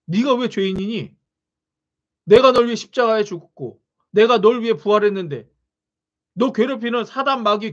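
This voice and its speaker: A preacher voicing Jesus as he gently scolds a doubting follower with one rhetorical question after another. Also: medium pitch, lo-fi sound.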